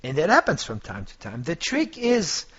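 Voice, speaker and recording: A man coaches students through a trading course in an online lecture, upbeat and motivational though he often searches for words. His fairly high voice swoops wildly in pitch at normal speed, a bit bright with a breathy edge, over dull, compressed lo-fi audio.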